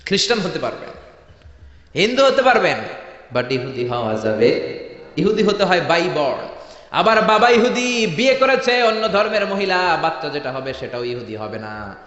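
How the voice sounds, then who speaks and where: A man preaching a sermon with a Bangladeshi Bengali accent, rousing the crowd and swinging between loud calls and soft asides. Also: high voice, sing-song, normal speed. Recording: echoey hall, dull sound.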